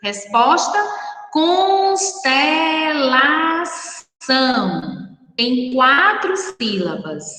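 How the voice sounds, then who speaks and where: A woman schoolteacher with a Brazilian Portuguese accent, giving a lesson to young children and slowly spelling out words syllable by syllable in a patient, affectionate way. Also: sits high, big pitch swings, bright, forceful tone, roomy sound, in a large hall, recorded from a distance, soft background music, poor audio. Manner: slow, drawn-out syllable-by-syllable dictation to children; affectionate, patient, addresses pupils as children and darlings. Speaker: primary school teacher. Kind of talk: recorded remote class lesson.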